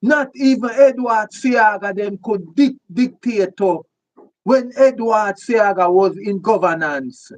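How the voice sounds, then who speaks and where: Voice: medium pitch, slow. A commentator with a Jamaican accent giving emphatic political commentary in patois, repeating points for stress. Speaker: online commentator.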